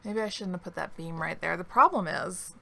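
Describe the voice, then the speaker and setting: A woman's voice: fairly low pitch, gravelly, a bit bright. A woman commentating her own game as she plays, thinking aloud and losing her voice a little. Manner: slow, thinking aloud while playing. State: losing her voice, clearing her throat. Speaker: gaming video creator. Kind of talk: relaxed let's-play commentary.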